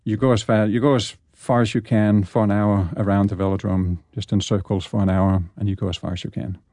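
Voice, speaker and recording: Low, dark-voiced man. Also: a little fast, no room sound. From Denmark. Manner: relaxed, chatty, repeats words as he goes. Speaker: guest, orchestral percussionist. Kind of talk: casual radio interview chat.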